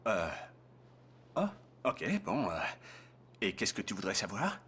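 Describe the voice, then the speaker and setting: A man's voice: lowish voice, big pitch swings, slow pace, a bit bright, slightly rough, exaggerated voice. A man playing an awkward, well-meaning middle-aged dad, hesitant and fumbling, in a French-dubbed film with faint noise.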